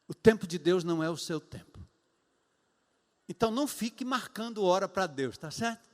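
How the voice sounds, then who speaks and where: A man's voice: sits high, expressive, normal speed. A male pastor with a Brazilian Portuguese accent, preaching a sermon emphatically and acting out the voices of the people he quotes. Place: church sanctuary. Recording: long reverb of a church hall.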